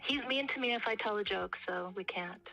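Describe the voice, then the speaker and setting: A woman's voice: mid-range voice, brisk, vocal fry, bright, forceful tone, faint music behind. A woman calling in over speakerphone, chatting casually and teasing the host playfully. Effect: on speakerphone over a phone call. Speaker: caller. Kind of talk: casual chat. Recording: muffled speakerphone call audio.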